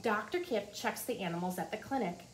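In a small office, a woman in her forties reads aloud from a children's nonfiction book, explaining simply to young listeners as a teacher would. She speaks fairly quickly and animatedly in a mid-range voice. The recording has clearly noisy room ambience.

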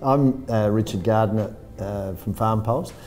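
A middle-aged man, a dairy and sheep farmer speaking in a measured way in an office interview. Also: lowish voice, a little mellow. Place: office meeting room.

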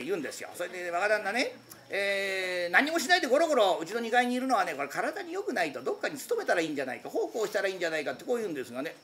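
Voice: mid-range voice, background noise, natural voice. A rakugo storyteller voicing a patient working man who politely coaxes his idle lodger toward finding a job.

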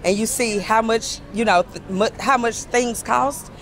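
A woman's voice: a little high, a little slow. Chatty woman. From Mississippi, USA. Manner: chatty, relaxed storytelling. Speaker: tourist. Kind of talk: casual street interview answers. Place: city street outdoors at night.

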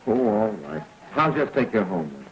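Animated young fiancé, early talkie film. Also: male voice, on the low side, moderate pace, slight background noise. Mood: resigned. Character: earnest young fiancé standing his ground. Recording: muffled, dated 1930 film soundtrack.

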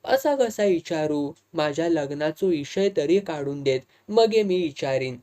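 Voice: mid-range voice, lively intonation, unhurried, mellow, lightly acted. A reader voicing a teasing, evasive young village woman with a Malvani accent in an audiobook. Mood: blunt. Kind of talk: audiobook dialogue reading.

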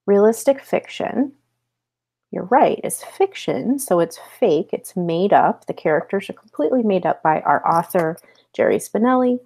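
An American woman in her thirties, an elementary school teacher, leads a read-aloud lesson from a small home office, explaining and checking in with questions. Her voice is fairly low and warm, with vocal fry.

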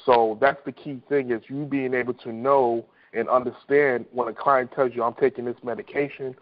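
Over a dull, lo-fi conference phone line, a man who leads a team of insurance agents gives them informal coaching. He speaks conversationally at a normal speed, with a medium-pitched voice and level tone, and repeats himself.

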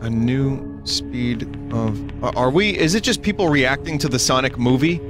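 A man's voice: medium pitch, lively intonation, normal speed. A man doing casual, joking commentary on games as a streamer, amused and sweary. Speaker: game streamer. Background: game music.

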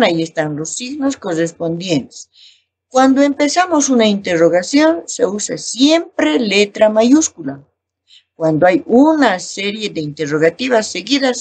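Husky woman teacher with lively pitch. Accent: Bolivian Spanish. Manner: slow, explanatory, reading examples aloud. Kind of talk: recorded class lesson.

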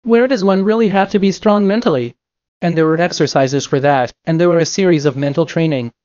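An older man lectures a bowling class in an emphatic way, repeating his points and answering his own questions. His voice sits a little high for a man. The sound is dry and dull, like a lo-fi recording of a classroom. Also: fairly quick, a little mellow, clear, resonant tone, no echo. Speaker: bowling coach. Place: classroom with a projector screen.

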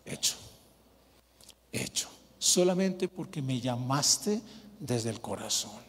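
A preacher voicing a gentle spiritual teacher. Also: male voice, lively intonation, takes it slowly, slightly rough. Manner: soft, lower and gentle. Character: calm, kind male spiritual teacher. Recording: reverberant church hall.

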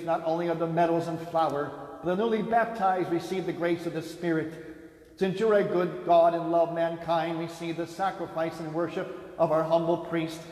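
Solemn priest at a pulpit microphone. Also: male voice, a little high, a little mellow. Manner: solemn, measured intoning. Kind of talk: liturgical prayer recitation. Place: large church. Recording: echoey church hall, long reverb.

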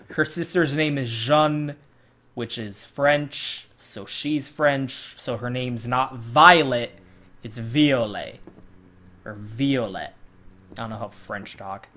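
A woman's voice: a bass voice, a bit bright. A woman giving casual, joking, sweary commentary as she streams a video game. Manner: joking, profane, giggly.

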